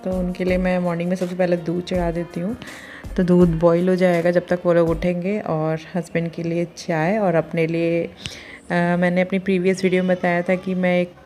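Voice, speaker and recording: A woman, a mother of two, narrating her daily routine in a chatty, homely vlog with many filler pauses. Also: on the low side, darkish tone.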